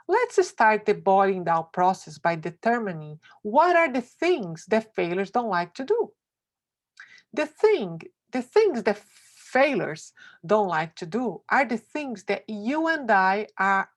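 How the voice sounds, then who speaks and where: The reader, a woman, takes a success essay at a slow pace, stressing words emphatically, and her expressive voice rises and falls widely in pitch as she reads the motivational piece.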